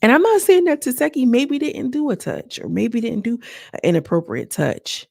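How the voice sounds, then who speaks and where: A woman's voice: a little high, sing-song, normal speed, creaky, mellow, dry recording, studio quality. A woman casually recapping a reality show for her viewers, chatty and gossipy, talking straight to her audience. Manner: chatty, addresses audience as y'all and girl, trailing restarts.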